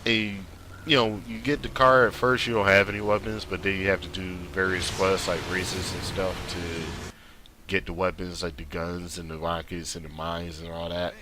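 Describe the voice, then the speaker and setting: A man's voice: sits low, little pitch movement, normal speed. A man giving casual, rambling gameplay commentary in an informal, slangy, conversational way, as if chatting over his own footage. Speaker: gaming video creator doing commentary. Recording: clear background noise.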